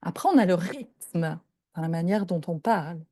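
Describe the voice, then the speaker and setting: A woman's voice: fairly low pitch, normal speed, warm tone, no room sound, clean studio sound. An older woman from Belgium, a professor giving a lecture and explaining points step by step, often checking in with her listeners. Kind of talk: lecture presentation.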